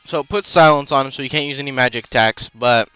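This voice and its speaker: Bright, clear-voiced man narrating gameplay. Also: mid-range voice, fast talker, faint music behind. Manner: rambling, many fillers and self-corrections. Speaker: let's play host. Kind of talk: casual gameplay commentary.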